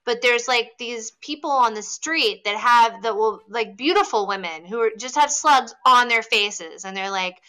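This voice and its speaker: A woman hosting a podcast quiz, teasing her guests in loud, playful banter. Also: on the high side, normal speed, hardly any pauses, clear, resonant tone. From New York. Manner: jokey, teasing, loud and animated. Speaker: podcast host.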